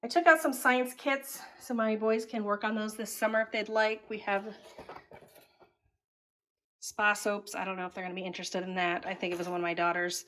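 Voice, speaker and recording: A woman's voice: medium pitch, normal speed, a little hiss or hum. A middle-aged woman who grew up in Taiwan, a homeschooling mother casually chatting as she shows her home. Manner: relaxed, chatty, matter-of-fact. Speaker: homeschooling mother and channel host. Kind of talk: casual home tour vlog. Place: at home, indoors.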